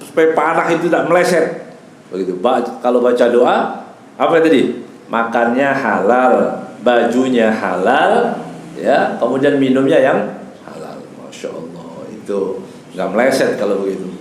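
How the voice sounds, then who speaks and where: Echoey Indonesian mosque preacher, conversational. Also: male voice, medium pitch, expressive, a little slow, slight background noise. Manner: explains Arabic terms in casual Indonesian, frequent tag "ya". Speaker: Islamic preacher. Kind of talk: mosque study talk. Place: mosque hall. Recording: echoey room with faint ambience.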